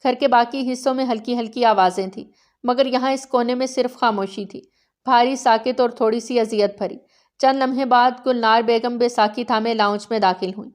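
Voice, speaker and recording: A woman narrating a romance novel in a steady, dramatic reading style. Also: a little high.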